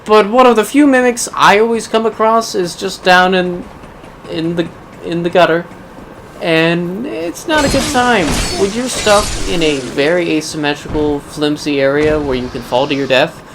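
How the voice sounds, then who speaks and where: A man's voice: sits high, steady tone, normal speed. A man giving casual, rambling gameplay commentary as host, musing wryly as if to himself. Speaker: gaming video host. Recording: clearly noisy background under voice.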